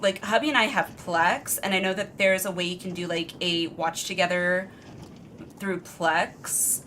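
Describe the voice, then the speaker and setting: A woman's voice: fairly low pitch, steady tone, a little slow, fairly bright tone, a little hiss or hum. A woman live streamer chatting casually with her viewers in an informal, rambling, self-deprecating way. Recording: music behind the voice. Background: background music.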